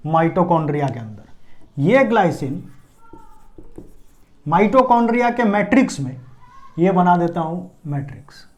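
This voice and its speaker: High-voiced man teaching biology at a board. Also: very animated, moderate pace, pauses often. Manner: asks and answers his own questions, checking understanding. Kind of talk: classroom lecture at a board.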